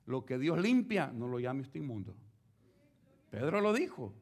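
Delivering a sermon without hurrying, a man with a mid-range voice speaks straight to his audience, animated and full of rhetorical questions.

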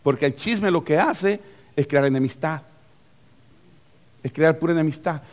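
A man preaching a sermon as pastor. His voice sits high, and he delivers in an animated way, acting out little scenes and calling out questions to the congregation. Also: a little slow. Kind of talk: lively sermon. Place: church.

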